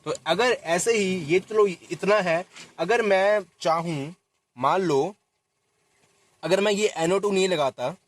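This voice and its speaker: Man teaching chemistry, fairly high voice. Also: slow, dry recording. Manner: addresses students directly, repeats and self-corrects while writing. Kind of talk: chalk-talk lesson explaining a reaction.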